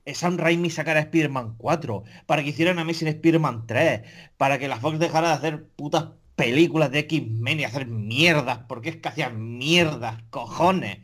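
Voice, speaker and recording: A man's voice: on the high side, normal speed, fairly bright tone. A man, a podcast co-host ranting in casual chat, profane and exasperated, full of restarts.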